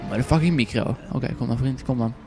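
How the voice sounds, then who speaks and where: A young man giving casual, joking let's play commentary, excitable and quick to swear and shout at the game. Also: medium pitch, soft background music. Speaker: gaming commentator.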